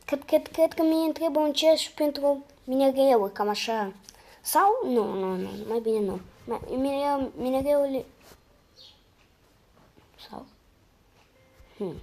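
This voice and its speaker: Hoarse, excitable young-sounding woman gamer. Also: high-pitched, pauses often. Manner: excitable, slangy, sudden loud outbursts and muttered asides. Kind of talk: casual gameplay commentary.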